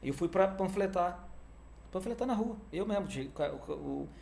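A man telling a story in a casual interview, animated and peppered with "cara", acting out the other voices in it. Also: high voice, moderate pace, gravelly, slight background noise. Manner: animated, fills talk with "cara", acts out quoted dialogue. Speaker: guest, music manager.

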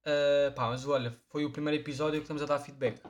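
A young man with a European Portuguese accent, co-hosting a podcast in quick, jokey banter full of slang. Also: on the high side, steady tone. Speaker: podcast co-host. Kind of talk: casual chat.

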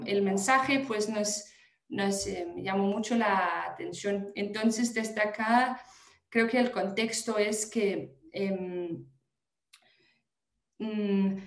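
A Danish woman, appearing as a guest activist, answers an interview question conversationally in careful Spanish. Her medium-pitched voice sounds hesitant, with many fillers and restarts, in an echoey room.

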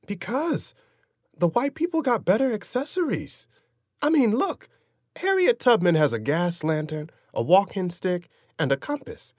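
A man's voice: high voice, big pitch swings, measured pace, no room sound, clean studio sound, voice pushed up, heavily acted. A man voicing a blunt, cocky young boy in an audiobook reading. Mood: cocky, explaining.

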